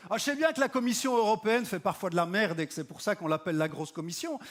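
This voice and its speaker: Man from Belgium, stand-up comedian, fairly high voice, ironic asides, deliberate halting restarts. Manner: ironic, mock-earnest asides to the audience; halting restarts used for comic timing. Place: comedy stage.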